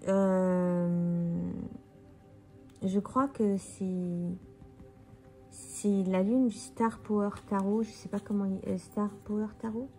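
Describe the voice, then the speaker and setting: A woman's voice: medium pitch, flat delivery, slow, long pauses, mellow, soft background music. A tired woman casually musing aloud as she turns over and presents tarot cards. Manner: musing, thinking aloud while turning cards. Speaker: tarot card reader presenting a deck. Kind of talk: casual deck walkthrough.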